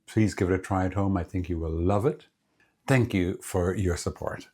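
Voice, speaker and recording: A man with a deep, husky voice talks through a recipe in his home kitchen. He sounds relaxed and chatty, a cooking host who savors each bite out loud as he tastes. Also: moderate pace. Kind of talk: casual cooking demonstration.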